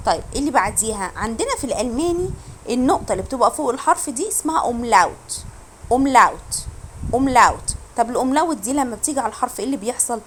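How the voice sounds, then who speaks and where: A woman with an Egyptian Arabic accent teaches beginner German in an online lesson. Her voice sits high, and its pitch rises and falls a lot as she talks quickly. She repeats each word slowly and quizzes her students, over faint background noise. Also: animated.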